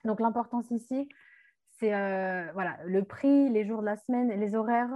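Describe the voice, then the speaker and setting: A woman's voice: medium pitch, moderate pace, mellow. A woman teaching vocabulary in a chatty way, with many hesitations, dropping in foreign words as she explains. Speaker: language teacher. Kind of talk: explaining vocabulary on a radio show.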